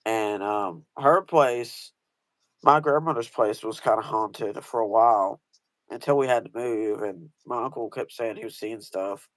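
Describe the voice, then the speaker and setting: A man's voice: fairly low pitch, measured pace, no room sound. A man chatting casually as host, rambling through a story with many fillers and restarts. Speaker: host asking guest questions.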